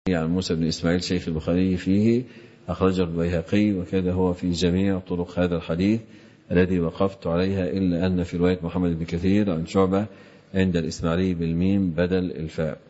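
A middle-aged man reads a classical commentary aloud and explains it, filling pauses with drawn-out "aah" sounds. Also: low-pitched, level tone, warm tone. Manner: frequent drawn-out "aah" fillers between phrases. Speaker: Islamic scholar teaching hadith commentary. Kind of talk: reading and explaining a classical text. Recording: slightly dull lo-fi recording.

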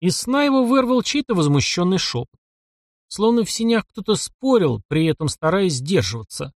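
A man narrating an audiobook in an expressive storytelling manner. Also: sits high, normal speed, dry recording, studio quality. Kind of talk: scripted narration.

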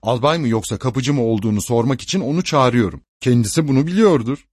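A man's voice: medium pitch, fast talker, a little mellow, dry recording, clean studio sound, close to an everyday voice. A man voicing a brash, insistent young male law clerk in an audiobook.

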